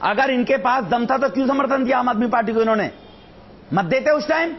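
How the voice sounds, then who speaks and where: Man, very high voice, combative debate panelist, keeps cutting in, dull lo-fi broadcast sound. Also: fairly quick, a little hiss or hum. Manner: combative, interrupts, repeats himself. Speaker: state party general secretary, debate panelist. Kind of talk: heated TV debate.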